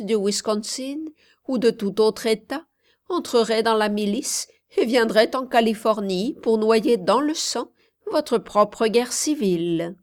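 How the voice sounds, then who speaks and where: A woman narrates a novel at an unhurried pace, her voice sitting at a middle pitch. She reads steadily and measuredly, lifting her tone when the characters speak. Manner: slow, measured reading with dialogue voiced in a raised tone. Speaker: audiobook reader. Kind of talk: scripted narration.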